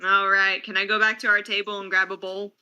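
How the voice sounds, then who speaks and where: A woman plays a tabletop game in a very bright, sharp voice. She talks casually and asks a lot of questions. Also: mid-range voice, flat delivery, fairly quick, smooth, dull audio. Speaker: player. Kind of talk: in-character tabletop play.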